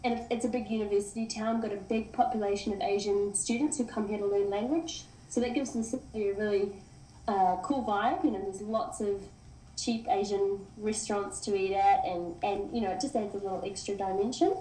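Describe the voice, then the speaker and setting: A woman's voice: medium pitch, steady tone, brisk, dark tone, reverberant, a little hiss or hum, low-quality recording. A woman from New Zealand with a New Zealand accent, a podcast guest chatting casually in a friendly, rambling way. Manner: friendly, rambling, laughs easily. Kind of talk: casual interview chat.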